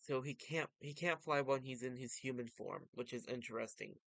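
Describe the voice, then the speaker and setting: A man's voice: medium pitch, moderate pace, gravelly, a bit bright, no echo. A man narrating and commenting on a story in a casual, informal way, like an enthusiastic fan. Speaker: vtuber reading and commenting on manga.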